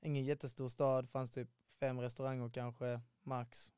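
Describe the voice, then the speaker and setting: Recorded in clean studio sound without echo, a Swedish podcast guest in his twenties speaks in a clear, resonant mid-range voice. He's an animated storyteller, recounting his travels casually and imitating the people he encountered.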